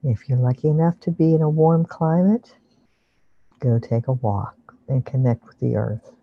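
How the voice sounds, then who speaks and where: A relaxation guide leading a guided meditation in a soothing, unhurried, hushed voice over an online video call, with dull, muffled sound. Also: medium pitch.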